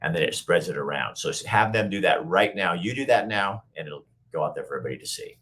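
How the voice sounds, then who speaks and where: Slightly hoarse, deep-voiced male host. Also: lively intonation, fast, loud music behind the voice. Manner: joking and rambling, with fillers. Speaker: talk show host. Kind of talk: casual live-stream talk show.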